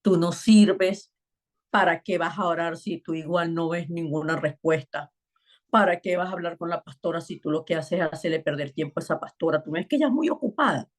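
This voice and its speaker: A woman voicing a scornful male devil who taunts and belittles with rapid rhetorical questions. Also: lowish voice, natural voice. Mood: mocking. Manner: mocking, rapid rhetorical jabs.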